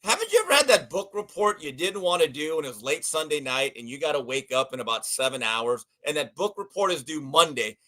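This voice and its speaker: A man hosting a casual sports podcast, telling a story with animated delivery and acted voices. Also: a little high, a little fast, hardly any pauses, low-quality recording. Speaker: podcast host.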